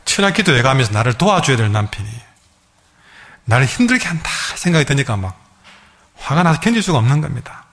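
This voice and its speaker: Animated Gyeongsang-accented male preacher. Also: medium pitch, fast talker, pauses often. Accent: Gyeongsang Korean. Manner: lively storyteller, acting out quoted dialogue. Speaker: pastor. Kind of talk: sermon storytelling.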